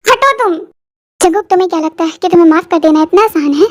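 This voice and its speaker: A very high-voiced reader playing a hurt young woman who bitterly rejects an apology. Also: quick pace.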